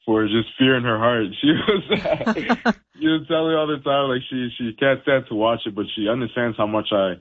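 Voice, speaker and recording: Over a tinny phone line with slight background noise, a young Haitian pro boxer chats in an interview at a normal speed. His medium-pitched voice has lively intonation, and he's relaxed, restarting often and leaning on fillers.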